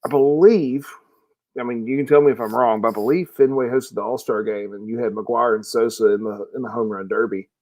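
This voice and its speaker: A man's voice: mid-range voice, brisk, a little mellow. A man co-hosting a casual sports podcast, rambling with restarts as he weighs his pick. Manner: rambling, many restarts, enthusiastic. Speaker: podcast co-host.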